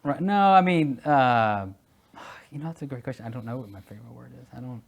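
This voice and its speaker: A security executive in his forties, appearing as a guest, handles quick-fire interview questions casually, hesitating and filling pauses often before warming up and becoming animated. His voice is medium-pitched and creaky.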